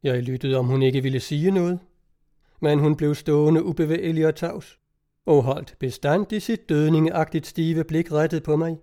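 A man reading a story aloud as narrator, in calm, measured scripted narration. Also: on the high side. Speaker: audiobook narrator.

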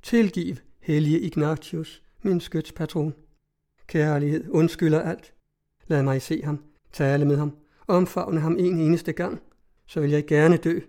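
Lovesick young woman begging in prayer, raised higher and slow, mellow tone , man doing the voice. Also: steady tone, close to an everyday voice. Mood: fervent pleading. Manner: pleading, slow and fervent.

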